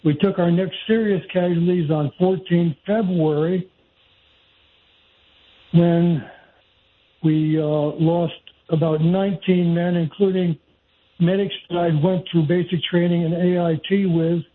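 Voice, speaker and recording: A man in his seventies, a former military caller, speaking over a phone line and recounting dates and numbers in a measured, methodical way. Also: high voice, fairly even intonation. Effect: heard over a phone line. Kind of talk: call-in radio talk.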